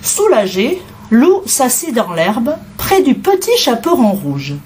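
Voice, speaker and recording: A woman reading a children's storybook aloud as narrator, expressive and unhurried. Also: a little high, a little hiss or hum. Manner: expressive, unhurried, sing-song.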